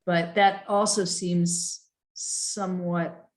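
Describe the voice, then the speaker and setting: Low-voiced woman reading regulations in a meeting. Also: level tone, takes it slowly. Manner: thoughtful and hesitant, many fillers and restarts. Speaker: town planning staff leading a commission review.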